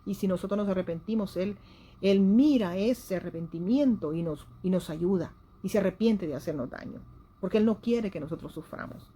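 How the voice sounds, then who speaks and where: A woman delivers a sermon with earnest conviction, her voice swelling in places and dropping low in others. Her tone is mellow and warm, sitting at an ordinary middle pitch. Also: normal speed, husky. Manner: earnest preaching, with rising and falling intensity. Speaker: lay preacher. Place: home.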